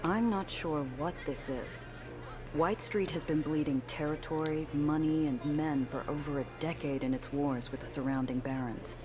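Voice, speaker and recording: An actor playing a cynical, world-weary noir detective who narrates his own case in a brooding, measured way for a video game. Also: fairly high pitch, over music, natural voice. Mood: wry, weary. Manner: hard-boiled, brooding, flatly measured.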